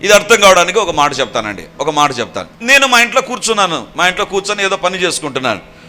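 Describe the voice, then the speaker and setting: A man preaching a sermon with fervour, dropping to a hush and then rising into raised, urgent passages, with English phrases slipped in. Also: high-pitched, big pitch swings, quick pace. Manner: fervent, swings between hushed and raised voice, mixes English phrases.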